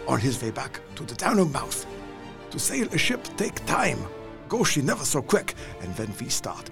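In an audio drama, a male actor plays Van Helsing, the elderly vampire hunter, declaiming grandly in broken English. His voice is gravelly and on the high side.

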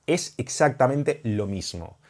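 A man's voice: medium pitch, lively intonation, slow pace, a little mellow. A young man with a Spain Spanish accent, a dating coach talking straight to camera in an emphatic, heated and repetitive vlog monologue.

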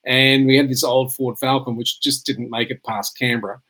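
A man's voice: mid-range voice, little pitch movement, moderate pace, fairly bright tone, poor audio. A tired middle-aged Australian man in casual chat, rambling through anecdotes and laughing at his own jokes.

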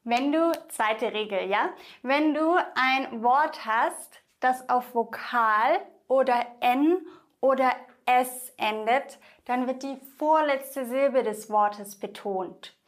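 A young woman teaching Spanish pronunciation in German, slowly and carefully, repeating each example word for the listener to echo. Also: high voice. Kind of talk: online language lesson.

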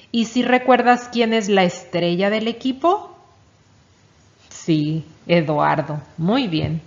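Slow, patient woman teaching children. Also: mid-range voice. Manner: patient, encouraging, asks and praises. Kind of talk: children's reading lesson. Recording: dull lo-fi recording.

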